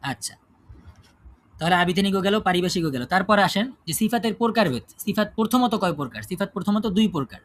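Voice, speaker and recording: A man teaches a class with a high-pitched voice. He asks the students questions and answers them himself. He keeps checking whether they follow him. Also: expressive, a little fast. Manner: checks understanding with frequent tag questions. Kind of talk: classroom lesson on Quran recitation rules.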